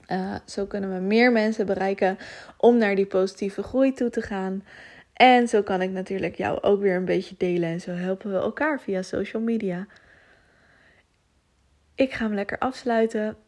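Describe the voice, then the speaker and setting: A woman's voice: mid-range voice, a little mellow. A woman hosting a personal solo podcast, talking candidly and emotionally, jumping from topic to topic with many fillers. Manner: rambling, jumps from topic to topic. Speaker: podcast host.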